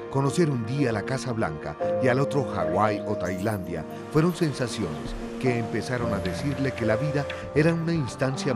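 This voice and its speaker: A man reading a scripted documentary narration in a measured, lofty storytelling manner. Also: on the low side. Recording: voice-over with loud music behind. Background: music.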